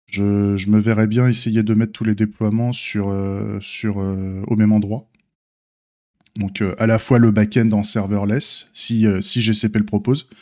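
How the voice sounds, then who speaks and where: A man who streams and writes software talks through a casual, unscripted update, informal and hesitant as he thinks out loud. A slight lisp slurs his s sounds. His fairly low voice is level and a little mellow, and he speaks a little slowly.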